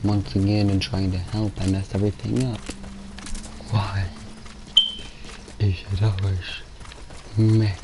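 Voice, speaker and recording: Man, lowish voice, casual gamer commentary, talking to himself, clear game noise behind. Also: little pitch movement, slow, pauses often. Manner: self-talk, thinking aloud. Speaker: gamer doing a playthrough. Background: game sounds.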